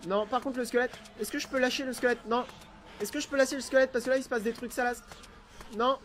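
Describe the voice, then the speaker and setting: A man's voice: very high voice, fairly even intonation, quick pace, a bit bright, slight background noise. A man playing a video game and commenting, pleading and then bursting out. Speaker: gamer. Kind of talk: let's play commentary.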